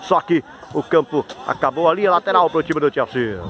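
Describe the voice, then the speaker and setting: A Brazilian man giving rapid, excited live play-by-play commentary on a youth football match outdoors, repeating the team names. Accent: Brazilian Portuguese. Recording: noisy crowd at outdoor pitch. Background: crowd and players shouting.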